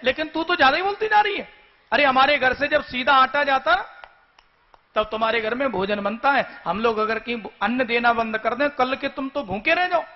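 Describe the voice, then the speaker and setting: A man's voice: high voice, natural voice. A man doing a young princess with a short fuse. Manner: coaxing and apologetic. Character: young princess, placating then quick-tempered. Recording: dull lo-fi recording, faint music.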